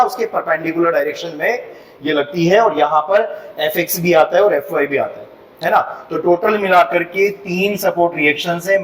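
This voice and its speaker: A man's voice: sits high, a bit bright, reverberant, far from the mic, rough recording. A man with an Indian accent teaching a civil engineering class, mixing Hindi and English and often asking the students if they follow. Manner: mixes Hindi and English, asks the class frequent checking questions. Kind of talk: classroom lecture.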